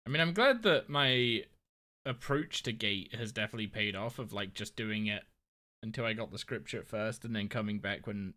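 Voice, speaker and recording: A man's voice: fairly low pitch, lively intonation, normal speed, pushed and bright. A tired, yawning young man chatting casually on a live game stream, rambling and thinking aloud as he plays. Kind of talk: casual live-stream chat while playing.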